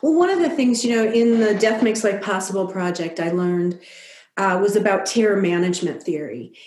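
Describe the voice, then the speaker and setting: A woman's voice: medium pitch, lively intonation, normal speed, darkish tone. Reflective woman in an echoey room. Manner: reflective, thoughtful, with frequent "you know". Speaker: guest. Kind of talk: conversational interview.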